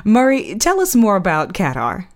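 A woman hosting a scripted radio feature in a bright, quiz-style presenting manner. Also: medium pitch, huge pitch swings, normal speed. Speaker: host.

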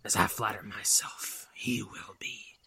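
A man voicing a scornful male devil of the woods in a hoarse, growling whisper. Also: lowish voice, steady tone, unhurried, bright, forceful tone, voice pushed up. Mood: menacing.

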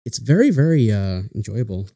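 A man's voice: lowish voice, sing-song, moderate pace, gravelly, mellow. Friendly, enthusiastic man as podcast guest. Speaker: guest co-host. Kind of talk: casual chat.

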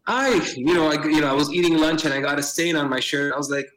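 Fast and on the high side with a fairly bright tone, the voice belongs to a middle-aged Miami theater director, from the United States, guesting on a podcast. He restarts a lot, uses many fillers, and drops Spanish phrases into the casual interview, and the recording is rough.

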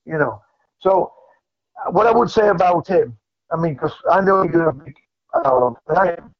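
Male caller heard over a muffled phone line, earnest, repeats himself, voice a bit high. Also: lively intonation, normal speed. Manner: earnest, repeats and restarts phrases. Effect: heard over a phone call. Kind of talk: casual call-in chat.

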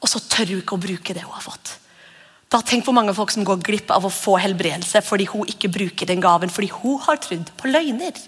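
A woman's voice: medium pitch, fairly bright tone, slightly rough. A woman pastor giving a conversational sermon and acting out whispered voices. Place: church hall. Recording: long church reverb.

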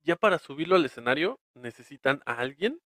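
A man's voice: a little high, sing-song, brisk, pushed and bright, no room sound, studio quality. A man with a Mexican accent co-hosting a podcast, chatting casually, laughing often and trailing off mid-thought. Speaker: podcast co-host. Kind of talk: casual chat.

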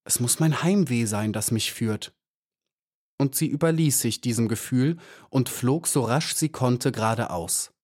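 Guy reading a kids storybook, calm and steady, mid-pitched voice. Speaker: audiobook reader. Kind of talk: scripted storybook narration.

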